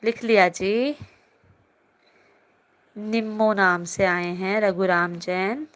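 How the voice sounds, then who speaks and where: A woman's voice: medium pitch, fairly even intonation, slow pace. A young woman teacher holding a live online class from her phone, reading students' chat comments aloud and answering them in a chatty, teasing way.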